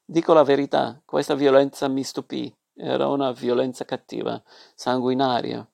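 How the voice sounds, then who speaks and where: A man reads a story aloud in a measured, expressive narration. His mid-pitched voice has a gravelly, creaky texture. The recording is close and dry, with no room echo.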